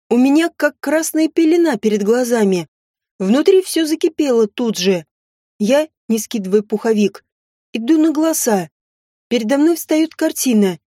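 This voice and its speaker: A woman reading a first-person audiobook with acted dialogue, in an expressive, dramatic way. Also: a little high, dry recording, studio quality. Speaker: audiobook narrator.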